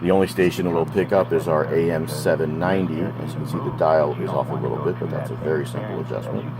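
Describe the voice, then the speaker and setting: An American hobbyist with a bass voice talks fast and steadily through a DIY project, rambling casually with unscripted asides. Behind him, an old AM radio plays with a loud hum, and there's background chatter.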